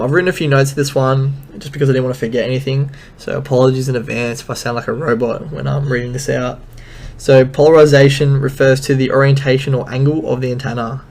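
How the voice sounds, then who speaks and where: A man talks through a technical lesson in an easygoing, unscripted way, leaning on plenty of ums as he walks through his slides. His pitch barely moves, staying level and even from phrase to phrase. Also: creaky. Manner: relaxed, many filler ums, loose explaining. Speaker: instructor.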